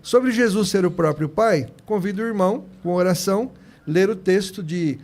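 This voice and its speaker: High-pitched Brazilian man teaching theology. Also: moderate pace, a little mellow. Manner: didactic, point-by-point with checking tags. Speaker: theology teacher on a radio panel. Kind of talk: explanatory religious argument.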